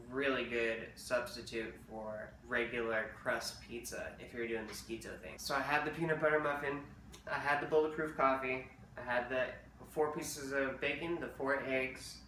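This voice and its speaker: A man's voice: mid-range voice, bright, forceful tone, distant mic, slight background noise. A man rambling casually through a diet update vlog, with lots of fillers and restarts. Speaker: vlogger. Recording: roomy, off-mic with faint ambience.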